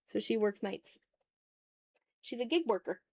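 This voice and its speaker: With an expressive mid-range voice and darkish tone, a woman talks at a measured pace in a dry recording. She hosts an art livestream, casually chatting while drawing and muttering self-critically to herself and her viewers.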